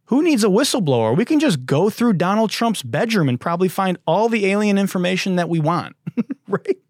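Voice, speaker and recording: A man hosts a comedy podcast in a sarcastic, profane rant, breaking into laughter often. His pitch swings widely as he jokes. The sound is dry and close. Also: very animated, a little fast, no echo. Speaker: podcast host. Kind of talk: comedic talk monologue.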